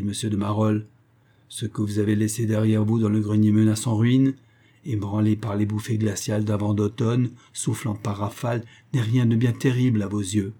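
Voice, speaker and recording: A man narrating a classic novel as an audiobook in a measured, solemn way. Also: on the low side, dark tone.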